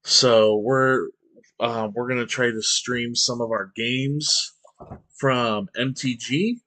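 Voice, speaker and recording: A man's voice: medium pitch, fairly even intonation, slow, pushed and bright, rough recording. A man chatting casually on a morning stream, rambling and hesitant with many fillers, a bit sleepy. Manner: rambling, hesitant, lots of ums and restarts. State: sleepy, yawning. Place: indoors, at home beside boxes of cards.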